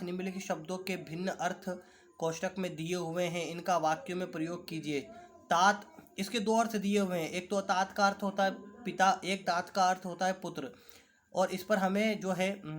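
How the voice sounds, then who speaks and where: A man teaching an online class, slowly reading out and explaining textbook answers. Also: sits high, steady tone, a little hiss or hum. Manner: carefully repeats words for pronunciation drill.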